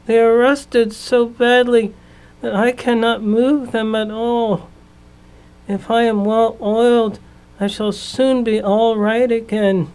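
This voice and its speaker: Woman reader doing a slow, drawn-out tin man, sorrowful and very polite, a storybook figure. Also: on the high side, little pitch movement, darkish tone, smooth, poor audio. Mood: mournful. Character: polite, sad male tin man, grateful and slow-moving. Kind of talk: storybook reading.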